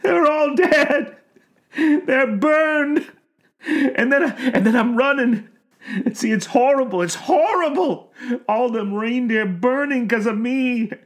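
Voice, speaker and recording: A man's voice: sits high, animated, measured pace, creaky, voice pushed up, full character voice. A man doing a sobbing old asylum patient. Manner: mumbling, folksy, anguished. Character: broken old male asylum patient, haunted.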